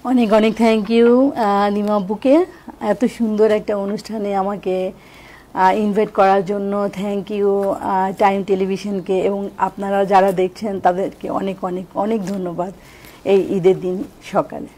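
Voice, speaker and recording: Mellow, even-toned woman guest. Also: mid-range voice, unhurried. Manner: mixes in English words, hesitant. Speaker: talk show guest. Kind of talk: polite thanks on a talk show.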